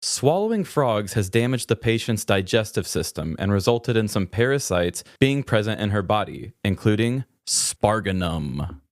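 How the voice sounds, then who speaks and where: With a lowish, animated voice at normal speed, a man co-hosts a podcast in a casual, comedic style, rambling conversationally as he tells stories and reads articles. The sound is studio quality with no echo.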